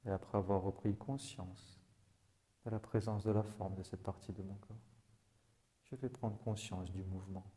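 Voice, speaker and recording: A man leading a guided body-awareness and breathing exercise, giving slow, calm instructions in the first person. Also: on the low side. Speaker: relaxation guide.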